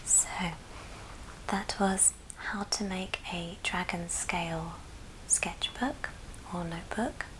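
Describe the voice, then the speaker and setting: The recording is low quality, with noticeable background noise and clicks, as a woman whispers an ASMR craft tutorial indoors at a friend's house. Her voice is lowish and steady, and she speaks slowly.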